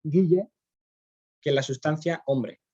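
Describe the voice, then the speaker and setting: A man with a Spanish accent from Spain lectures on philosophy to a classroom, breaking things down step by step and checking in with his students. His voice is a little high, a little slow, and dark, heard through a muffled recording.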